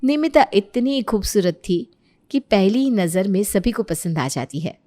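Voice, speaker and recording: A woman narrating a cartoon story in an even, scripted storytelling manner. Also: medium pitch, a little slow.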